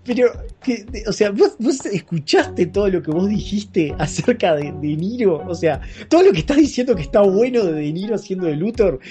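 A podcast co-host in casual banter, animated and incredulous, hesitating with many fillers. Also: mid-range voice, moderate pace, hardly any pauses, faint music behind.

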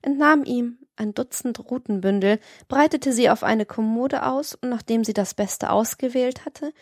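A woman's voice: fairly high pitch, moderate pace, no room sound, studio quality. Woman narrator reading steadily. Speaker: audiobook narrator. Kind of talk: scripted narration.

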